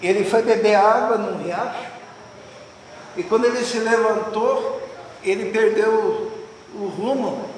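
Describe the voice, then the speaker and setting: A man's voice: sits high, fairly even intonation, measured pace, long pauses. A man preaching a sermon in fervent, emphatic repetitions and leading an altar call. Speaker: pastor. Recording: echoey hall, distant from the mic, noisy.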